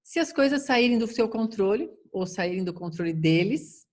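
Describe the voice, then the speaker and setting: A woman's voice: mid-range voice, lively intonation, normal speed, a little mellow. Woman giving parenting advice. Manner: acts out parents and children in quoted lines. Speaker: parenting educator. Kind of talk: informal talk on child-rearing.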